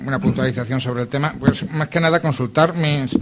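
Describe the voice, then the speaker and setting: Halting man from La Mancha. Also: mid-range voice, steady tone, heavy background noise. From La Mancha, Spain. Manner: halting, repeats words while searching. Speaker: radio panelist. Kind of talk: radio panel discussion.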